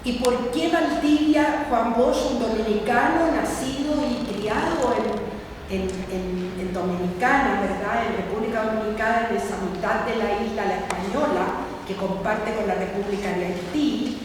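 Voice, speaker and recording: A woman's voice: mid-range voice, noisy background. Woman speaking far off in an echoey hall. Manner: halting, many fillers, rhetorical asides. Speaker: book launch presenter. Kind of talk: public talk at a book fair. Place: large hall at a book fair.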